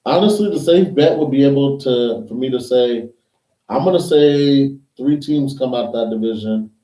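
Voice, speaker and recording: A man's voice: medium pitch, moderate pace, warm tone. A man co-hosting a podcast, chatting casually about football and teasing his co-host. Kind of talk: casual sports chat. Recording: roomy echo, mic at a distance.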